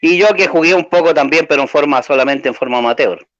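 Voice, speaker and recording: A Chilean man with a Chilean accent, his voice a little high and fairly bright, talks fast as a guest in a casual interview. He sounds hesitant and slightly nervous, filling his speech with fillers, on a dry lo-fi recording with no echo.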